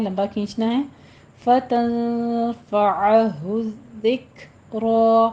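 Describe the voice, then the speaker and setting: A woman teaching Quran recitation, chanting verses with long drawn vowels, then briskly explaining pronunciation rules. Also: medium pitch, mellow, highs cut off. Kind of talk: slow tajweed lesson, recitation alternating with explanation.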